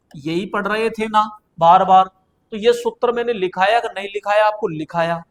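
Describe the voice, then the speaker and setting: Man with a high voice as a coaching teacher. Exam-prep lecture, chatty, repeats himself. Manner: chatty, asks students questions and answers them himself; repeats phrases for emphasis.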